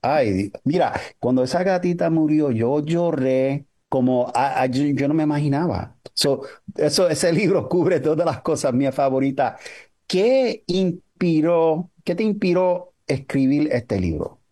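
A man's voice: on the high side, measured pace, dark tone, husky. A man hosting a community radio show, chatty and easygoing, mixing English phrases into his talk. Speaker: radio host. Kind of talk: radio interview.

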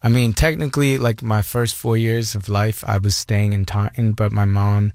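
Low-voiced, hesitant man from Boston. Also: level tone, moderate pace, darkish tone, no room sound, clean studio sound. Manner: rambling, hesitant, many fillers. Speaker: guest performer. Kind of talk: casual radio interview.

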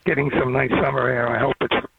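A man's voice: mid-range voice, level tone, quick pace, vocal fry, breathy edge, no room sound. An older man calling in to a radio show from outdoors on an old flip phone. He rambles and hops from one topic to the next. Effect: old flip phone call. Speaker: caller. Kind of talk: casual call-in chat. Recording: dry, tinny phone line.

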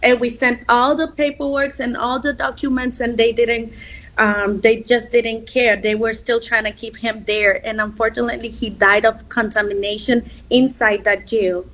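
Honduran woman, fairly high pitch, hesitant interview guest. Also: level tone, moderate pace, a bit bright. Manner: hesitant, searching for words, many fillers. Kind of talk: conversational interview answers.

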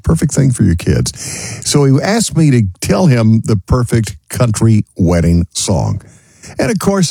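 Middle-aged male country radio host, West Texas twang, low husky voice, folksy and conversational. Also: warm tone, no room sound. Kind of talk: casual radio presenting.

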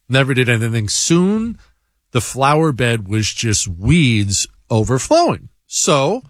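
A talk show host with a slightly high, somewhat bright voice delivers a blunt, combative monologue and reads listener emails aloud, stammering when he restarts. The studio-quality recording has no echo.

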